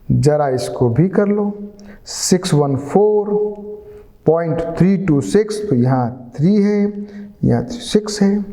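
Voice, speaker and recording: Male maths teacher, slow and patient, coaxing questions, reverberant room. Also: sits high, vocal fry, mellow. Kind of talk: classroom lesson.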